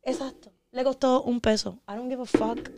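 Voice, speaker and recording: A woman's voice: a little high, moderate pace, crowd noise. Blunt, profane woman. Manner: blunt, profane, animated, mixes English into Spanish. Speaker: podcast guest. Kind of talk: casual podcast chat.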